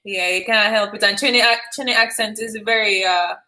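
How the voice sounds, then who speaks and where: This woman's mid-range voice is steady, brisk, bright and forceful as she runs a call-in live stream. She keeps things casual and chatty with her caller, offering friendly encouragement and plenty of laughs.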